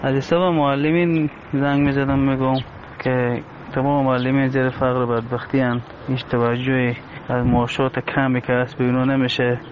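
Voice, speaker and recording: Male caller, Afghan accent, monotone delivery, unscripted complaint, faint noise. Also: mid-range voice. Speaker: radio caller. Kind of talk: spontaneous spoken complaint. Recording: dull line with faint noise.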